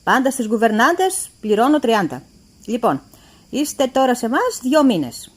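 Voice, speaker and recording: A woman voicing a stingy, mocking middle-aged male employer who talks in a loud, pointed, lecturing way. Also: fairly high pitch, very animated, husky.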